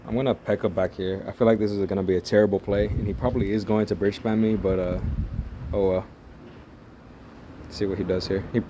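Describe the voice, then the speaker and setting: Over a noisy background, a low-voiced young gaming channel host gives loose, foul-mouthed commentary as he plays a mobile strategy game, rambling as he goes.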